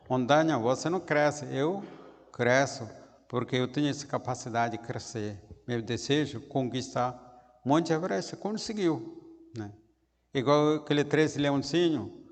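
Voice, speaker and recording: A priest giving a daily homily in simple, halting phrases, often tagging lines with a questioning "né?"; Portuguese is not his first language. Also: medium pitch, big-room sound. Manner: halting, frequent "né?" tags, simple broken phrasing.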